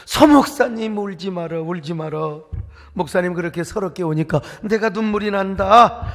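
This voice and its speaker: A man's voice: high voice, normal speed, a bit bright. A man voicing an elderly pastor's widow who tearfully pleads and apologizes, within a sermon. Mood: pleading. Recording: echoey church hall, faint music.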